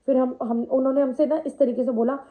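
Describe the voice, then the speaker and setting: A woman's voice: high voice, fairly even intonation, quick pace, phone-quality sound. A young woman vlogger telling a personal story in Hindi mixed with English words, with many fillers.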